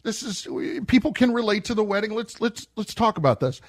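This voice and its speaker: Male radio host, high-set voice, casual banter, wryly amused and teasing. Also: animated, fairly quick.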